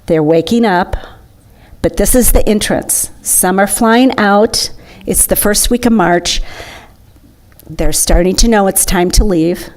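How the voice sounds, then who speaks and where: A woman's voice: medium pitch, slow. A woman giving an enthusiastic, chatty slideshow talk to an audience. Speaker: presenter.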